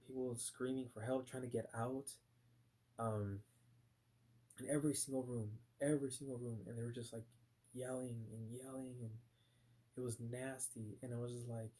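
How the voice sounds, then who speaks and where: A man's voice: mid-range voice, warm tone. A man telling a personal story in a casual, rambling way, full of fillers and restarts, sometimes acting out his past reactions. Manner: voices his own past reactions in bursts. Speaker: vlogger recounting a nightmare.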